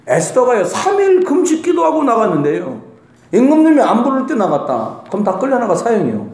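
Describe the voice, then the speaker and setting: High, lively preaching man. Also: echoey room. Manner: animated, swings between shouting and low asides. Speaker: pastor. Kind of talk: sermon. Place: church sanctuary.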